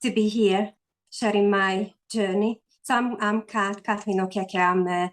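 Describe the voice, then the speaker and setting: A Hungarian woman in her forties, an online entrepreneur, appears as a guest on a video call for a casual interview, telling her story earnestly in a Hungarian accent. She speaks with a mid-range voice and steady tone, a little slowly, filling her speech with fillers and restarts.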